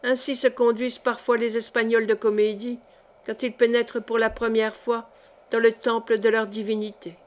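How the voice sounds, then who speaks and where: A woman reading a historical novel aloud as an audiobook narrator, with even, clear storytelling. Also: on the high side, moderate pace. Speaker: audiobook reader.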